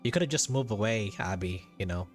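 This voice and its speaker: A Filipino streamer, a native Tagalog speaker with a matching accent, plays a game and reacts to it. His commentary is casual, joking and somewhat hesitant, delivered briskly and animatedly in a lowish voice, with faint music behind him.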